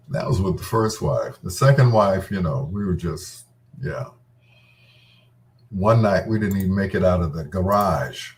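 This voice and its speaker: A middle-aged man hosting his own show reminisces in an informal, rambling, candid and playful way, quoting himself as he tells stories. His deep voice is slow, he pauses often, and the mic sits at a distance.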